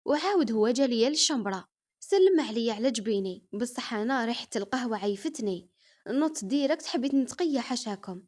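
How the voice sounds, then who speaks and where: A young woman with an Algerian accent narrating her own story in a lively, conversational way. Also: on the high side, quick pace. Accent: Algerian Arabic. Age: young adult. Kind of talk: first-person story narration.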